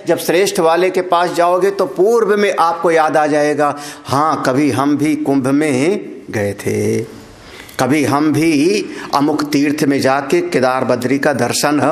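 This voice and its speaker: A middle-aged man with a North Indian Hindi accent teaches scripture in a calm, unhurried way, drawing each point out slowly. His voice sits a little high and carries a roomy echo, and he breaks into slow singsong chanting of verses. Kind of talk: spiritual discourse on scripture. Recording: echoey room.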